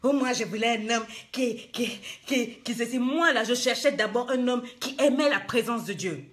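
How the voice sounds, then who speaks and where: A woman's voice: fairly high pitch, moderate pace. Scolding woman coach. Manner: scolding, emphatic, rhetorical questions. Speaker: life coach. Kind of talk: live-streamed motivational talk.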